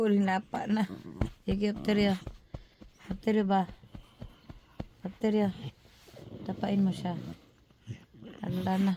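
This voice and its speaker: A woman's voice: mid-range voice, background noise. A woman chatting playfully with her pets at home in a casual home video, often laughing.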